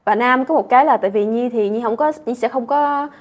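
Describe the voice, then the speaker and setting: A woman's voice: a little high, a little fast. A young woman with a southern Vietnamese accent chatting casually as a guest, emphatic and repeating words as she explains. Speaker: guest, stand-up comedian. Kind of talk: casual chat.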